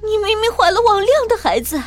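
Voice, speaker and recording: A woman's voice: very high-pitched, very animated, brisk, soft background music. A woman voicing a terrified young woman who stammers out trembling questions. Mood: frightened, pleading.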